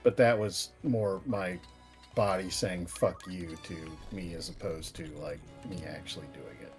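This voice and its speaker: A man's voice: sits low, moderate pace, soft background music. A man in casual chat on a game stream, cracking dry, profane jokes.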